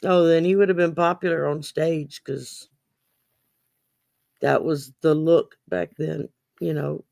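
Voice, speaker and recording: A woman's voice: low voice, steady tone, slow pace, gravelly, a little mellow, no room sound. A woman co-hosting a casual chat, talking readily and often repeating words as she explains. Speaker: co-host.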